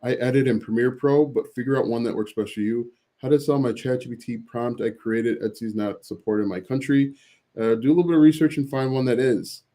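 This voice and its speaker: A man's voice: medium pitch, fairly quick, dark tone. A man hosting a casual livestream, reading viewer questions from the chat and answering them with frequent fillers and restarts.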